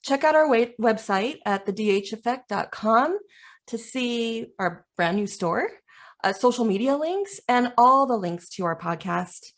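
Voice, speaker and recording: Woman podcast co-host, soft-spoken, pauses and restarts. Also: a little high, animated. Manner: hesitant, searching for words, gentle. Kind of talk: conversational interview.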